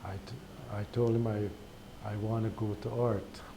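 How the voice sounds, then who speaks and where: Guyanese man, lowish voice, halting testimony, noisy recording. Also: level tone. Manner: slow, halting, with repeated words and pauses. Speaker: speaker sharing a spiritual testimony. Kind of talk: personal testimony monologue. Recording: recorded with clear background noise.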